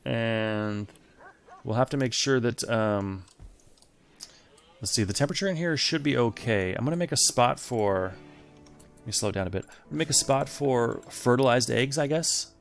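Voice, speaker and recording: A man's voice: medium pitch, normal speed, gravelly. A man hosting a let's play, thinking aloud and chatting casually to the game's characters as he plays. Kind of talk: casual gameplay commentary. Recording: faint game music behind.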